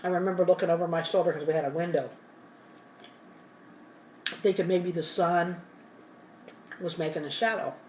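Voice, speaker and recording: Her voice is on the low side, steady and a little mellow, moving at normal speed with long pauses. Seated back from a distant mic in a roomy room with faint ambient hum, this ASMR host rambles through a story while eating, mouth sometimes full, fixing details as she goes.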